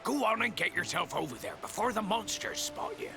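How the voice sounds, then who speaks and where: An actor playing a gruff but kindly old sailor-like man in a video game, with folksy, weary speech and a gravelly voice. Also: sits high, lively intonation, a little fast. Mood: kindly advising. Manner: folksy, old salt's dialect. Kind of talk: video game character acting. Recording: game music behind. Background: game music.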